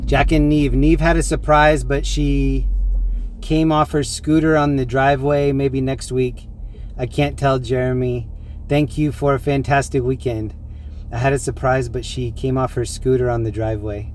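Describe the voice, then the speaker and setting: A man's voice: medium pitch, little pitch movement, moderate pace. A man hosting a livestream, chatting casually while driving. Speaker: livestream host. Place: inside a moving car. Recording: loud car and street noise.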